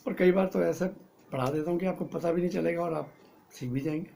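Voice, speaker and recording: Gravelly older male acting teacher. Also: fairly high pitch, fairly quick, a little hiss or hum. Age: 60s. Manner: lively, playful explanations. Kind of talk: teaching lesson to camera.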